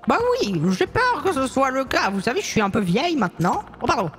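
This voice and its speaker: A woman putting on a fretful older woman who runs a café, high-pitched and swooping through her lines. She hesitates and fusses over her husband as she speaks in this game fan dub, with soft music faintly behind. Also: big pitch swings, brisk. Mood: anxious. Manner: hesitant, fussy, many sighing fillers.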